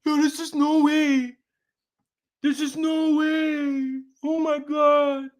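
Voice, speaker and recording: A man putting on a mocking voice of a dim young male chat viewer, high and drawn out. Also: level tone, slow pace, a little hiss or hum.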